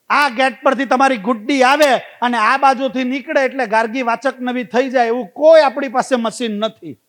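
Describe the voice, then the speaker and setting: A man's voice: extremely high pitch, a bit bright. A man giving a motivational talk to a community gathering, telling stories, repeating key phrases and asking the audience rhetorical questions. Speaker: invited speaker.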